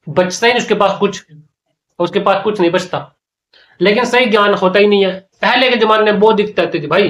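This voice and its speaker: High-voiced man giving a preachy talk. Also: fairly bright tone. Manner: preachy, repeats phrases often. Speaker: spiritual talk host. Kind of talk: casual spoken monologue.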